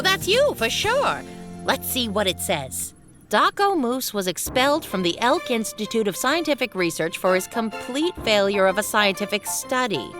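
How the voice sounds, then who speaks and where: A woman voicing a curious, bubbly young female friend reading aloud in a cartoon. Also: high-pitched. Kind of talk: cartoon voice acting.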